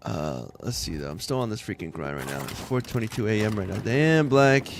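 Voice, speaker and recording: A man's voice: low voice, lively intonation, fast talker, background noise. A man streaming a game from his room at home, chatting casually with viewers and telling rambling, laughing anecdotes full of restarts. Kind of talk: casual chat with stream viewers while gaming.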